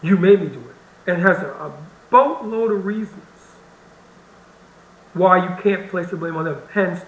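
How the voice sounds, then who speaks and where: In a reaction video, a man with a high-pitched, unhurried voice bluntly comments on the clip he's playing, sounding wryly irritated. It's casual commentary, and the audio is poor and reverberant.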